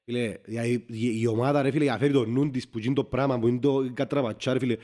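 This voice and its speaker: A man with a Cypriot Greek accent chatting casually about football, halting as he circles back and repeats himself. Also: mid-range voice, fairly even intonation, mellow. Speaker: football fan podcast panelist.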